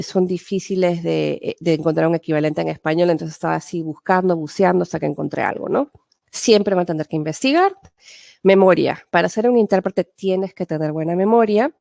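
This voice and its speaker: Peruvian lady teaching a webinar, low gravelly voice, chatty with lots of fillers, dry sound. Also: a little mellow, no echo. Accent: Peruvian Spanish. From Peru. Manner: conversational, many fillers and tag questions. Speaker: medical interpreter and webinar speaker. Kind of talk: webinar lecture.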